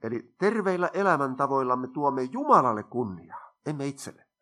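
An older man gives a sermon with a bright, forceful voice. He explains scripture point by point in an earnest, teaching way. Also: mid-range voice, big pitch swings. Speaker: preacher.

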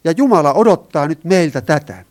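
A man's voice: on the high side, expressive, a little mellow. A man preaching a sermon. He talks in an earnest way, asks his listeners questions and explains Greek words.

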